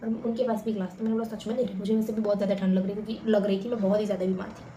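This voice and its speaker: A young woman talks fast and chattily to her viewers, spinning stories in an animated, familiar way. Her voice sits mellow and dark in tone. An echoey room surrounds her, with a faint background hum. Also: medium pitch. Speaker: vlogger. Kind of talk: casual storytelling to camera.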